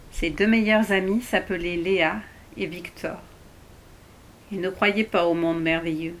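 A woman reads a fairy tale aloud, taking her time with every phrase. Her voice is bright and expressive, the pace unhurried. A faint rumble runs beneath the recording. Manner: slow, expressive read-aloud. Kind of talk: storybook narration.

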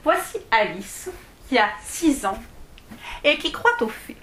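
Une femme qui lit un conte pour enfants à voix haute, sur un ton doux et posé. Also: female voice, a little high, sing-song. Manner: slow, gentle storytelling. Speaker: storyteller. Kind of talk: reading a children's tale aloud. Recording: echoey room.

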